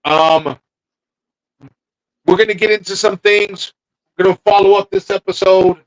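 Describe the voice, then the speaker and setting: A man's voice: high voice, fairly even intonation, unhurried, rough recording. A man co-hosting a casual podcast, thinking aloud, trailing off and restarting his sentences. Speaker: podcast co-host. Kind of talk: casual wrestling chat.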